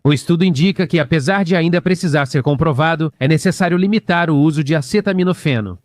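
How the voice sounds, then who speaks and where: A man's voice: fairly high pitch, quick pace, no room sound. A man commenting over news clips in a sarcastic, mocking way.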